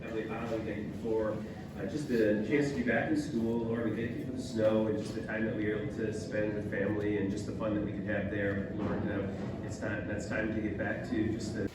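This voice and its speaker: A man on school staff giving morning announcements and leading a prayer in a relaxed, conversational way. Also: lowish voice, brisk. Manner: relaxed, conversational, filler-heavy. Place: school room. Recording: very echoey, distant, noisy room audio.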